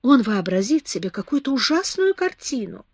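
A woman voicing a frightened, tearful eighteen-year-old girl who pleads timidly in a high voice. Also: sing-song, normal speed, slightly rough, dry recording, studio quality. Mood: pleading. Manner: pleading, timid, on the verge of tears.

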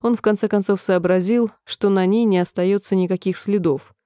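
A woman narrates a storybook audiobook with measured, expressive storytelling. Her voice is mellow and warm, recorded close and dry. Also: medium pitch, no room sound.

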